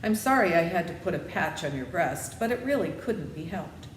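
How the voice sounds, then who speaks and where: A kindly, self-satisfied little wizard, as a woman reader puts him on for a storybook. The pitch sits on the low side for a woman, and the room rings around the voice over some background noise. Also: lively intonation, moderate pace, natural voice. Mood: breezy, reassuring. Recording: roomy echo, clear background noise.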